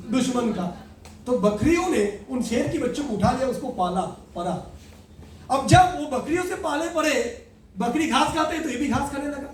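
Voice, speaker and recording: A man giving an animated motivational talk, telling a fable and acting out its characters. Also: extremely high pitch, slight background noise. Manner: animated storyteller, acts out characters. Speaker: motivational speaker. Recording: echoey room, mic at a distance.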